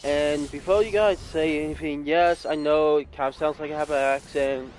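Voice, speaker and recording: A man's voice: fairly high pitch, fairly even intonation, moderate pace, darkish tone, soft background music. A man in his twenties from California giving casual, rambling gameplay commentary and correcting himself as he goes. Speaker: gaming YouTuber.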